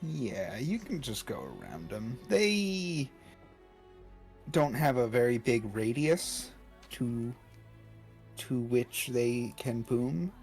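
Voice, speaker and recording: A man's voice: medium pitch, sing-song, slow, darkish tone. Playful guy streamer chatting over a game, teasing, faint music behind. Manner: playful, teasing, mock-indignant. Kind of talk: casual game stream chat.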